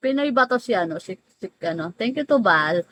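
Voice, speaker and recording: A woman's voice: mid-range voice, lively intonation, normal speed, fairly bright tone, slight background noise, rough recording. A woman hosting a casual livestream, teasing viewers by name, laughing often and drawing out names. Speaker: livestream host. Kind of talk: casual live-stream chat greeting viewers.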